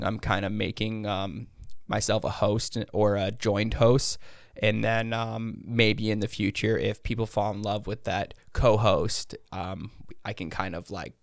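Male podcast guest, American, raspy creaky vocal fry, slightly low voice, loose meandering conversational delivery. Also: no echo, studio quality. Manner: rambling, hedging, self-interrupting. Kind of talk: casual interview chat.

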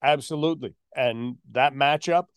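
A man with a medium-pitched, smooth voice talks at a moderate pace, recorded clean in a studio with no room sound. He hosts a sports talk podcast and also works as a play-by-play announcer, analysing casually but emphatically and often posing questions he then answers himself.

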